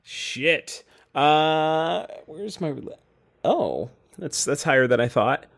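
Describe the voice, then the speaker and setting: A woman's voice: sits low, lively intonation, takes it slowly, gravelly. A woman bantering casually as a player in a tabletop game.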